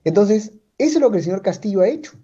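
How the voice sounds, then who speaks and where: A man's voice: high-pitched, sing-song, fast talker, mellow, husky, dull audio. A man from Chiclayo, Peru, with a Peruvian Spanish accent, giving political commentary as an analyst in an interview. He talks emphatically, repeats his points and tags them with rhetorical questions.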